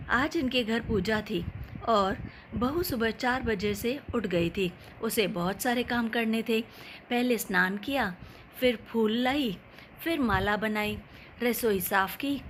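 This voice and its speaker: A woman narrating a family moral story as a storyteller, gentle and unhurried. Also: fairly high pitch, a little hiss or hum.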